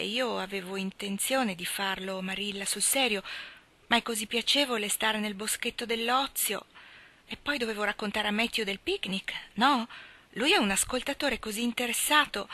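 A woman voicing a chatty, excitable young orphan girl who gushes and pleads breathlessly. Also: mid-range voice, normal speed. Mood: pleading.

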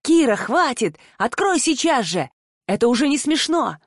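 A woman narrator voicing a pushy, obsessive young man who coos and then yells angrily, in a dry close recording. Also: high voice, big pitch swings, normal speed, breathy edge, no room sound, voice pushed up, heavily acted. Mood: yelling. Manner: cooing, then yelling angrily.

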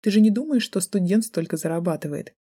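A man's voice: expressive, fast talker, slightly rough. A woman voicing a taunting young man. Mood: menacing. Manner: taunting, low and soft-spoken. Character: mocking, menacing young male student. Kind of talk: audiobook character voice.

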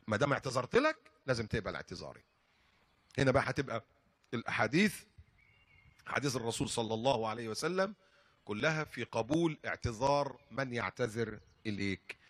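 An older man with an Upper Egyptian Arabic accent who preaches a sermon and tells stories and jokes with plenty of humor. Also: medium pitch. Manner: lively storytelling, jokes and laughs.

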